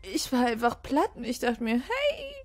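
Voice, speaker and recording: A woman's voice: high-pitched, huge pitch swings, normal speed, faint music behind. A woman playing a drunk character in a game roleplay, slurring, giggling and turning tearful.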